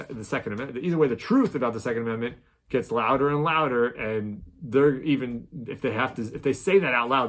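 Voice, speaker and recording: A man's voice: medium pitch, fairly bright tone. Rambling man, full of ums. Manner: rambling, many ums and restarts. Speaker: show host. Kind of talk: casual talk to camera.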